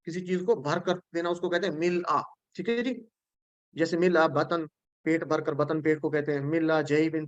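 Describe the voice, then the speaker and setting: A man with a Pakistani Urdu accent and a fairly high voice teaches word meanings. He repeats each word patiently and checks often that his students are following. The recording is dry and a little dull. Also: a bit bright, no echo. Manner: recites prayer phrases slowly. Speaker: Quran teacher.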